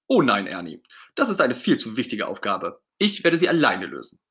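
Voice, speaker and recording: A man's voice: lowish voice, wildly swooping pitch, normal speed, fairly bright tone, full character voice. A man voicing Bert, a fussy, self-important puppet friend, in a storybook reading with a pompous, brusque manner.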